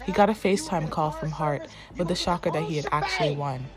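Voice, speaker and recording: A woman reporter reading a scripted news voice-over in a steady, even way. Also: sits low, fast, over music.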